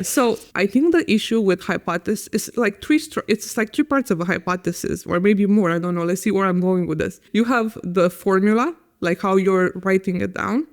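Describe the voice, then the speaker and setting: A woman with an Eastern European accent, a podcast guest talking bluntly and with profanity in a casual conversation. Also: medium pitch.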